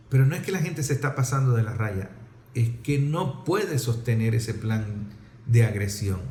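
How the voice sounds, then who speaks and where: A man with a Venezuelan accent and a slightly mellow, medium-pitched voice gives emphatic, didactic political commentary, relying on rhetorical questions and repetition. The recording sounds roomy and echoing.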